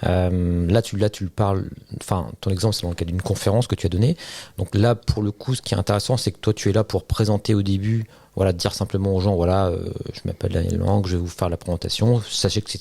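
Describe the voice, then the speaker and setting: A man with a low, mellow voice hosts an interview podcast. He sounds engaged and enthusiastic, explaining ideas and drawing out his guest. The sound is dry and close. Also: steady tone, fast, gravelly, no echo. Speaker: podcast host. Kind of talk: casual conversational interview.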